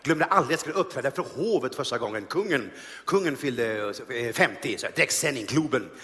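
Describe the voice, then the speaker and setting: Animated male stand-up comedian on stage. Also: mid-range voice. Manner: animated, self-mocking storytelling. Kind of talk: live stage comedy monologue. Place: large theater stage. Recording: hall reverb on a live stage.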